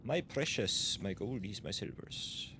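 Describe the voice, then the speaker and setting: Man from Austria, game streamer, low voice, chatty, background noise. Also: sing-song, unhurried. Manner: chatty, thinking aloud. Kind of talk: live gameplay commentary.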